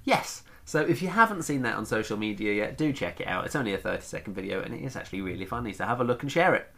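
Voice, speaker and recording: A man's voice: fairly low pitch, lively intonation, fast, creaky, a bit bright. A British man co-hosting a podcast, chatting and telling anecdotes in a teasing, wry way. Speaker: podcast co-host. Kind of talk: casual banter and anecdotes.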